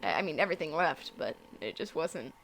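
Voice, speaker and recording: A woman's voice: deep voice, big pitch swings, moderate pace, creaky, a bit bright, a little hiss or hum. A young woman co-hosting a casual podcast chat, giggly and rambling. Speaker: podcast co-host.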